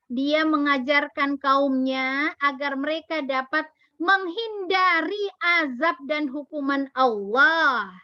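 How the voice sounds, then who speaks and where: High-voiced woman teaching an Islamic lesson. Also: no echo, lo-fi sound. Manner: explanatory, repeats key words, asks rhetorical questions. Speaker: religious teacher at a parenting class.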